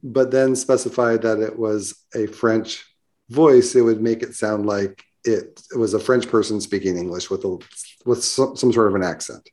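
A man's voice: on the low side, fairly even intonation, normal speed, darkish tone. A man co-hosting a casual tech podcast, checking his understanding by restating ideas in his own words. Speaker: co-host.

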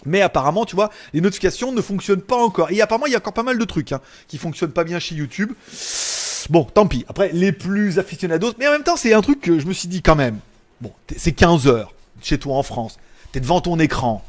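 Brief: male live-stream host, high pitch, rambling, excitable, casual chat. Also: a little fast. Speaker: live tech show host.

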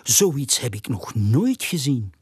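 A storyteller voicing a calm, level-headed little owl with a breathy, matter-of-fact voice in a storybook. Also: medium pitch, slow pace, no room sound, studio quality, heavily acted. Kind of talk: storybook character voice.

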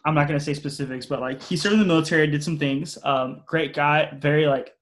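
A man's voice: on the high side, fast talker, fairly bright tone. A young man hosting a casual podcast, rambling with many fillers and restarts and using slang like "yo" and "y'all". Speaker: podcast host.

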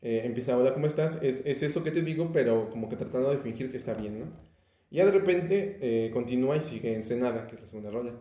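A man's voice: mid-range voice, animated, fast talker, mellow. A young Mexican man chatting casually about an album, hesitant and full of fillers and restarts. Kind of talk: casual podcast chat about music. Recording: echoey room.

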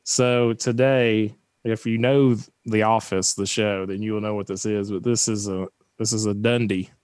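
A man's voice: on the low side, steady tone, normal speed, darkish tone, dry recording. A man co-hosting a casual chat, rambling and joking and laughing often.

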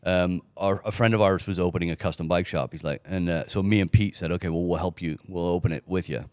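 A man's voice: deep voice, steady tone, fast talker, a little mellow, no echo, clean studio sound. A middle-aged man telling rambling, profane stories on a casual podcast, laughing often. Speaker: podcast host. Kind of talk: casual storytelling chat.

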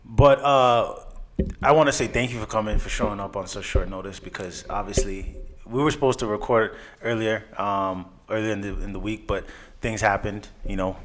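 A man's voice: on the low side, fairly even intonation, normal speed, a little hiss or hum. A young man hosting a casual podcast, playful and joking with his guest. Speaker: podcast host.

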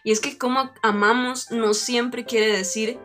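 A woman's voice: a little high, steady tone, unhurried, fairly bright tone, faint music behind. A woman with a Costa Rican accent talking casually as a podcast co-host, mixing English words into her Spanish. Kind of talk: casual personal conversation.

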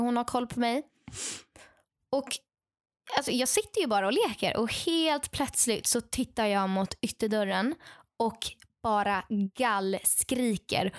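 Lively young woman telling stories. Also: fairly high pitch, no room sound, studio quality. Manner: animated, acts out quoted dialogue; frequent fillers and restarts. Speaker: podcast co-host telling stories. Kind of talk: casual storytelling chat.

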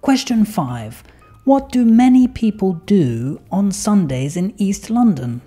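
Mellow woman reading quiz questions. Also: mid-range voice, very animated, slow pace, soft background music. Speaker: quiz presenter. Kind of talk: reading listening-exercise questions.

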